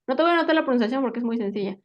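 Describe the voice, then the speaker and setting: Brief: woman, English teacher, slightly high voice, patient and quizzing, tag questions throughout. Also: lively intonation, very fast, highs cut off. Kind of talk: live English vocabulary lesson.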